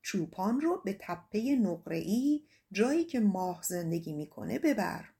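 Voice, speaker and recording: A woman reading an audiobook voices the mighty male wind spirit of a folk tale, speaking slowly and solemnly in a lowered voice. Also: animated, creaky, dark tone.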